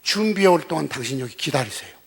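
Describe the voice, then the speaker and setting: An older pastor voicing a frightened young farmer who pleads and protests during a sermon retelling. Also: male voice, a little high, expressive, fast, gravelly, slightly rough, voice pushed down, full character voice. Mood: pleading.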